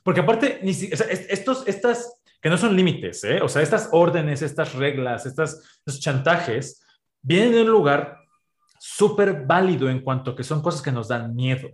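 A man with a Mexican accent in a podcast conversation, explaining ideas with everyday examples in an animated way. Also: on the high side, moderate pace. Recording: roomy echo.

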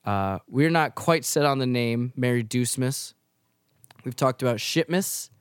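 A man's voice: mid-range voice, unhurried, clean tone, no room sound. Man, podcast co-host, casual chat, dry close sound. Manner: relaxed, swearing, repeats words when starting.

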